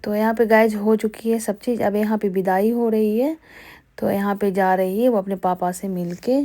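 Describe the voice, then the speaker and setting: A woman's voice: medium pitch, fairly even intonation, moderate pace, warm tone. A young woman, chatting casually as she explains wedding customs to her viewers. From Bihar, India. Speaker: vlogger. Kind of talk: casual vlog voice-over.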